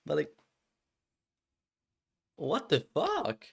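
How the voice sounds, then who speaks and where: A man's voice: fairly high pitch, huge pitch swings, extremely slow, gravelly, slightly rough. An eighteen-year-old man streaming live, chatting casually while he codes, rambling with lots of "like" fillers and frequent swearing.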